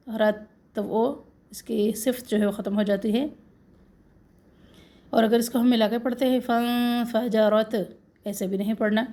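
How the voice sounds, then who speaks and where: A woman with a Pakistani Urdu accent teaching Quran recitation, who patiently demonstrates words slowly and then corrects and explains them. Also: on the high side, dark tone. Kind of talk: Quran recitation lesson, slow drawn-out recitation with quick explanations.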